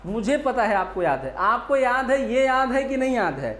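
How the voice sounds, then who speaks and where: A man's voice: very high voice, big pitch swings, normal speed, fairly bright tone. Male teacher, exam-prep vocabulary lesson, repetitive question-and-answer drilling, roomy echo. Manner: drills with repeated rhetorical questions. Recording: echoey room, faint background hiss.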